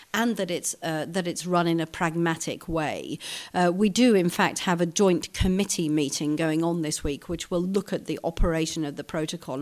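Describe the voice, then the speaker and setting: Woman diplomat, low-pitched, steady and careful, filler-heavy interview answers. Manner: measured, careful, with frequent fillers. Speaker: ambassador.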